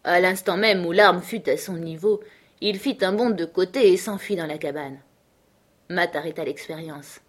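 A woman narrating a classic novel as an audiobook, in a steady, measured storytelling manner. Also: on the low side. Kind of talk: literary narration.

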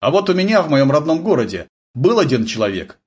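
A man's voice: a little high, very animated, a little fast, slightly rough, pitched above the performer's own voice. A man doing a chatty, jovial army ensign. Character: chatty male army ensign, easygoing storyteller. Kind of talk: audiobook character voice.

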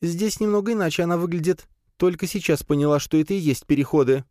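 A man's voice: fairly high pitch, fast talker, dark tone, no echo, studio quality, pitched above the performer's own voice, lightly acted. Man voicing a sarcastic female spider. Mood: thoughtful. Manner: sarcastic, playful. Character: sardonic female spider companion.

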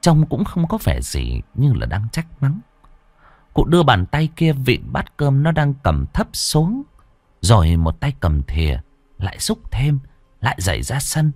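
A man narrating a story in an expressive, animated storytelling manner. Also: mid-range voice, a little slow, no room sound.

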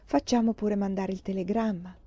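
A woman's voice: medium pitch, fairly even intonation, normal speed, warm tone, dry recording, lo-fi sound, lightly acted. A woman reading aloud, voicing a frightened young woman who pleads timidly. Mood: hesitant. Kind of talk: audiobook reading of a novel.

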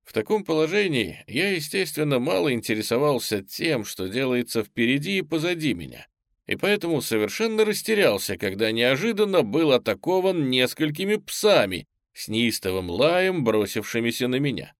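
Expressive male audiobook narrator. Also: medium pitch, normal speed, no echo, studio quality. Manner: expressive storytelling. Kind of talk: scripted first-person narration.

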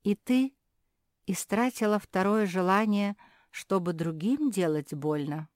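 A woman voicing a kind, gentle female singer who speaks calmly and soothingly to a friend in a children's storybook. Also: mid-range voice, slow pace, no room sound, clean studio sound, close to an everyday voice. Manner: soft, calm, soothing.

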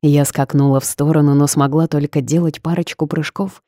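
A woman reading a romance story aloud, narrating and voicing every character with expressive shifts. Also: a little fast, dry recording, studio quality. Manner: expressive, jumps higher and louder for the heroine. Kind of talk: audiobook narration acting all roles.

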